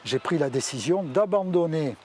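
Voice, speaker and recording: A man, a fire service officer, recounts his testimony in halting phrases, often repeating words as he searches for the next one. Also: on the high side, animated, mellow.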